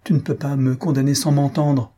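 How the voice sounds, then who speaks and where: A man's voice: medium pitch, flat delivery, brisk, mellow, pitched above the performer's own voice, close to an everyday voice. A man voicing an ardent young man who pleads with his beloved in a read-aloud story. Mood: pleading.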